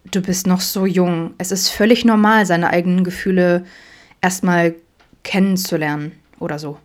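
A woman reading a fanfiction audiobook aloud, voicing a caring but awkward father who talks gently and stammers a little. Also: lowish voice, fairly even intonation, normal speed, natural voice. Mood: gentle, awkward.

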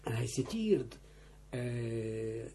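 A man's voice: mid-range voice, big pitch swings, mellow, slight background noise. A man teaching as a rabbi, reading Hebrew and Aramaic phrases aloud and explaining them in Dutch, often repeating himself and urging close attention. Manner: halting, with restarts. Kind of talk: line-by-line text study lesson.

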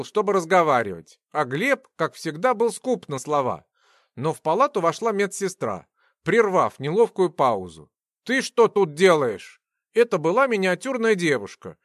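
Recorded close with no echo at all, a male narrator performs a fantasy novel from a script. His fairly high voice is expressive and story-driven, lively in its movement through every sentence.

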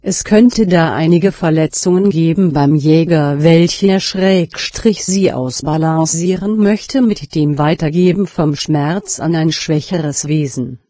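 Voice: mid-range voice, takes it slowly, hardly any pauses, mellow, no echo, clean studio sound. A computer-generated voice of unclear sex reading scripted audiobook narration in a stilted, literal manner. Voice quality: synthetic computer voice. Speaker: audiobook reader.

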